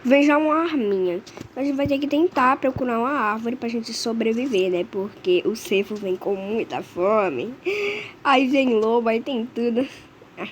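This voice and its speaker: A woman's voice: a little high, moderate pace, a little hiss or hum, rough recording. A Brazilian woman narrating her own gameplay in a chatty, anxious way, constantly calling out to her viewers. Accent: Brazilian Portuguese. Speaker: gamer. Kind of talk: let's play commentary.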